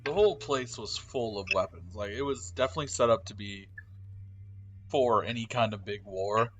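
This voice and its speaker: A man's voice: fairly low pitch, normal speed, fairly bright tone, soft background music. A man narrating as game master of a tabletop game, talking loosely and casually with lots of fillers.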